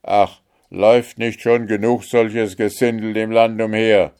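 A man voicing a crowd of rough old gate guards who shout and jeer, loud and impatient, in a storybook reading. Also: on the low side, level tone, measured pace, voice pushed up. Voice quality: rough, barking.

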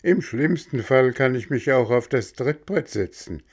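Man playing a cheeky young boy, high-pitched, eager and pushy, storybook reading. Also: lively intonation, measured pace, husky.

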